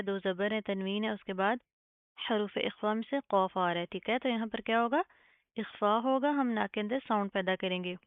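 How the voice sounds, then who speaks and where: A woman leads a careful recitation lesson, repeating each word slowly and checking in after every rule. Her voice is smooth and clear, though the sound is thin like a phone line and completely dry. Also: medium pitch, dry recording. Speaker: Quran recitation teacher. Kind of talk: step-by-step tajweed lesson.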